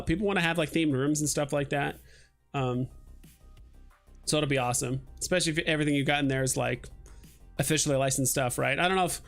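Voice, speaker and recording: A man's voice: fairly high pitch, gravelly. A young man hosting a casual livestream, talking in a loose, rambling way with lots of "like" and "um". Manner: rambling, relaxed, lots of fillers like "like" and "um". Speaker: livestream host.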